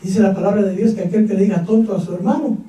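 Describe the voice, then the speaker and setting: A man's voice: high-pitched, fairly even intonation, fast talker, mellow. A male pastor with a Mexican Spanish accent, preaching a Pentecostal sermon and putting rhetorical questions to his congregation. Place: church hall. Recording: echoey church hall, mic at a distance.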